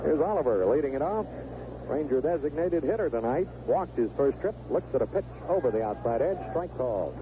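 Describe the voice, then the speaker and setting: Over a crackly, narrow 1970s AM broadcast, a baseball announcer calls the game live from the stadium booth. His voice sits on the high side, lively and fairly quick.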